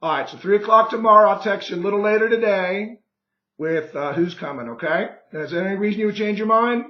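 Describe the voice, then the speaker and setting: A hoarse man losing his voice, a real estate agent making a pushy, persuasive sales call who keeps checking in with "okay?" and clears his throat often. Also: high voice, a little fast, roomy sound, muffled recording.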